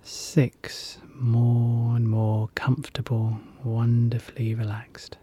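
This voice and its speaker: A relaxation guide leading a guided hypnosis session in a soft, soothing whisper, repeating gentle calming phrases. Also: medium pitch, slow, husky.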